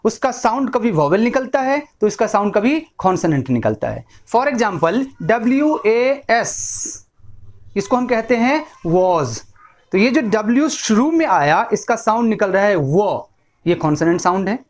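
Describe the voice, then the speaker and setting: A man's voice: high-pitched, big pitch swings, normal speed. A man with an Indian accent teaching an English lesson, drilling words by repeating them and often checking in with "right?". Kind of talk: bilingual classroom lesson.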